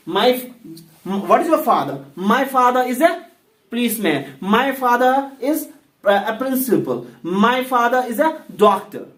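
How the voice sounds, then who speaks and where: Slow, high-voiced male English teacher. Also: distant mic. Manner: slow, deliberate, repeats English example sentences. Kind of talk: grammar lesson explained in Hindi. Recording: echoey room, set back from the mic.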